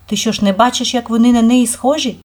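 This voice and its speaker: A woman's voice: on the high side, fairly even intonation, fast, a little mellow, pitched above the performer's own voice, lightly acted. A woman voicing Malfusha, an eager forest nymph. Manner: eager and effusive. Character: lively curious female forest nymph.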